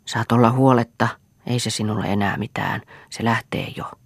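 Woman reader doing a distraught farmer man, stammering, breathless, gravelly husky tone, storybook reading. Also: extremely low pitch, fairly even intonation, no room sound, exaggerated voice. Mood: agitated.

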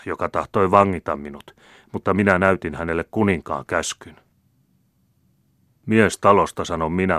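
A man reading an audiobook, voicing an older hot-tempered general who shouts fiery demands. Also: sits low, dry recording, studio quality, voice pushed up.

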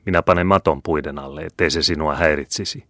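A man reading the part of a once stern older wife who now speaks gently and soothingly to her husband. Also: very deep voice, fairly even intonation, no room sound, studio quality, full character voice. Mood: coaxing. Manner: soothing, coaxing.

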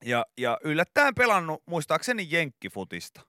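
A man's voice: fairly high pitch, huge pitch swings, pushed and bright, dry recording, clean studio sound. A man hosting a morning radio comedy show, rambling through a story with hesitations and restarts. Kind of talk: comic morning radio banter. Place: radio studio.

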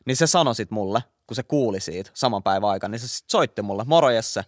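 Animated young man telling a story. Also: on the low side, no echo, studio quality. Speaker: podcast co-host. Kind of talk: casual storytelling chat.

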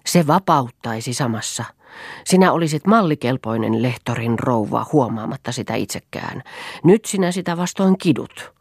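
An intense, impassioned man pleading with a woman he once knew, as a female audiobook reader puts him on. The voice is husky and breathy, set close in a dry, deadened space. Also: a bass voice, animated, no room sound, heavily acted. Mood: needling. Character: passionate man pleading with an old friend.

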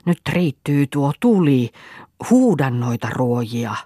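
A woman's voice: rumbling low, sing-song, warm tone, slightly rough, no room sound, full character voice. Woman reader voicing a stern old healer crone, incantatory and commanding, dry close sound, storybook audiobook. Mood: stern chanting.

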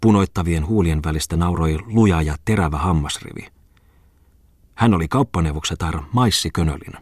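A man reading a classic novel aloud in measured, even storytelling narration. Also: low voice, slightly rough, dry recording, clean studio sound. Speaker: audiobook reader.

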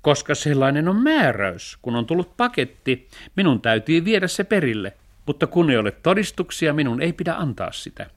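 A man's voice: on the high side, very animated, pitched above the performer's own voice. A man voicing a nosy, fussy village postman in a radio storybook reading, pedantic and officious.

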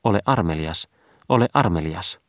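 A man's voice: sits low, animated, fairly bright tone, dry recording, studio quality. A man voicing Chastity, an icy, stern maiden figure in a storybook reading, cold and commanding.

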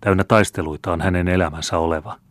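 A man voicing an old female fortune-teller who reads palms in a teasing, blunt manner, counting slowly and deliberately. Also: deep voice, steady tone, no echo, close to an everyday voice. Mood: sighing. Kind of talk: audiobook character reading. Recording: dry close studio sound.

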